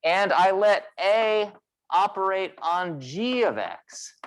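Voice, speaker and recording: Lively male physics lecturer. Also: high voice, slow pace. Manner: explains step by step, asks rhetorical questions. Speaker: physics instructor. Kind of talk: lecturing in a class meeting. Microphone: recorded class session.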